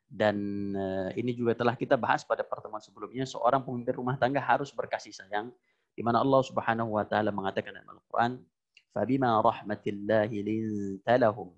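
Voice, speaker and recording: A male Islamic preacher giving a religious lesson to a congregation, speaking emphatically, repeating phrases and breaking into high exclamations, with Arabic verses recited between his explanations. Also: fairly even intonation, quick pace. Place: Islamic boarding school lecture. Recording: dull lo-fi recording.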